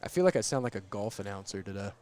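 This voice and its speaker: A man's voice: lowish voice, animated, rapid-fire, a little mellow. A young man doing play-by-play commentary for a student radio baseball broadcast, chatty and joking at his own expense. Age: young adult. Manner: chatty, self-deprecating joking. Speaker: play-by-play announcer.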